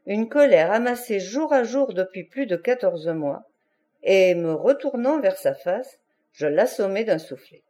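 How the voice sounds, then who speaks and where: A woman reads a literary novel aloud in a steady, measured manner. Her voice is warm and mellow, pitched in an ordinary middle range. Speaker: audiobook reader. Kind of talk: audiobook narration.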